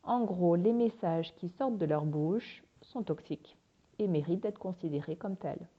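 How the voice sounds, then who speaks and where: A woman hosting a podcast, giving calm, encouraging advice straight to her listeners in a scripted monologue. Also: lowish voice, normal speed, breathy edge, dull audio. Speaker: podcast host and French teacher.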